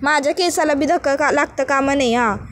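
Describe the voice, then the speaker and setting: An outspoken young village wife, as a woman storyteller puts her on, coaxing and insistent in rustic country speech. The voice sits high and bright, with a faint hiss of noise underneath. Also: a little fast. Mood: pleading, insistent.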